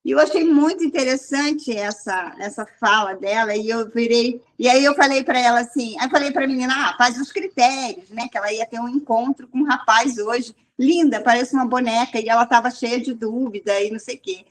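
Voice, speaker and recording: A woman's voice: fairly high pitch, fairly quick, few pauses. A woman sharing a casual, rambling testimony with a church group, restarting often. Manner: rambling, restarts often, quotes people in raised voice. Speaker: group leader.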